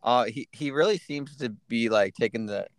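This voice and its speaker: A man's voice: mid-range voice, normal speed, dry recording. A man co-hosting a sports podcast, talking in a laid-back way, with lots of fillers and some swearing. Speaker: podcast co-host. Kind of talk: casual sports chat.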